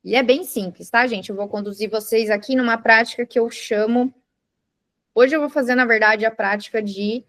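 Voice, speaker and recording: Her voice is on the high side and a bit bright as she guides a live indoor group through mindfulness, asking the class questions and patiently explaining with everyday examples. The recording is dry and studio quality.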